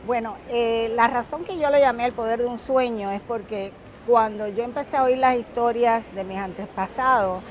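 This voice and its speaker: A woman in her seventies, born in Cuba, telling her family's story in an interview, with many fillers and an unhurried pace. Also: on the high side, a little hiss or hum, rough recording. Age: 70s. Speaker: author.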